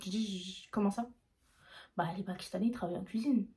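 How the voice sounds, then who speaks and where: A young woman from France tells a story from her own life in a rapid, casual vlog manner. She talks in slang and jumps into other people's lines as she tells it. Her voice sits at a middle pitch and races along. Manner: fast, slangy, animated retelling. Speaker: YouTuber.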